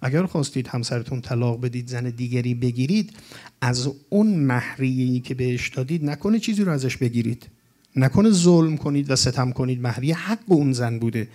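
A man preaching to a gathering, delivering a religious lecture in an emphatic way and reciting Arabic quotations. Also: mid-range voice. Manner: emphatic, rising to animated peaks with Arabic quotations.

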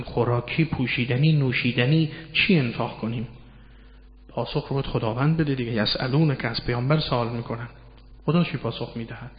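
A man giving a religious lecture on Quranic verses, explaining step by step and slowing down to recite Arabic verses. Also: on the high side. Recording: roomy hall echo, dull lo-fi sound.

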